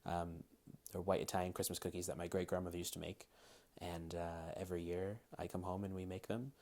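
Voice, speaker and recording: Being interviewed, a dialect coach from Massachusetts in his 30s begins by reading word lists with crisp, measured care, then shifts to relaxed, casual answers peppered with hedges and fillers. He speaks low, with a near general American accent that hints slightly at British.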